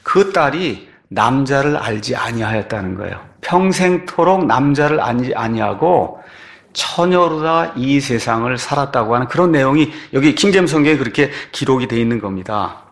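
A man's voice: mid-range voice, lively intonation, moderate pace. A man preaching a sermon, posing rhetorical questions, punctuating with short affirmations, and reading scripture passages aloud. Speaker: pastor.

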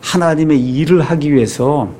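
A man's voice: fairly high pitch, normal speed, warm tone, a little hiss or hum. A man, a pastor, preaching a sermon in a conversational way, often asking his listeners rhetorical questions.

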